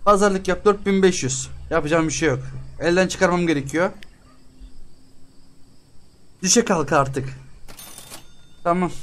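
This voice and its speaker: A man's voice: sits high, moderate pace, a bit bright. A man hosting a game let's-play, chatting with the characters on screen as he haggles over prices and often bursts out in exasperation. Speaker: gaming channel host.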